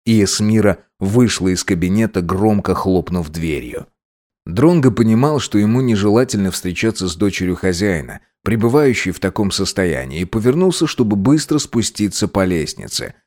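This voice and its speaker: A man narrating an audiobook in a steady, even reading voice. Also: lowish voice, moderate pace. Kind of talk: scripted narration.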